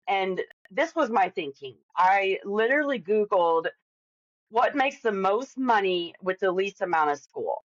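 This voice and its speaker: Candid woman with a low, dull-toned voice. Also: dry recording. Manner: candid, rambling, many fillers and restarts. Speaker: podcast guest. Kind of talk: casual interview conversation.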